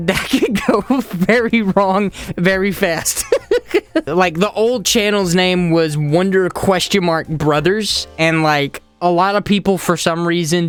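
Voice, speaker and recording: A man's voice: fairly high pitch, fairly bright tone, clear, resonant tone, no room sound. A young man from the American South, talking in a casual vlog monologue, rambling and jumpy with lots of restarts and side tangents. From Southern United States. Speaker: YouTuber.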